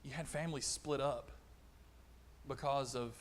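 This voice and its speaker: A middle-aged man preaching a conversational sermon, animated, acting out little exchanges. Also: mid-range voice, measured pace, slight background noise. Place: church auditorium.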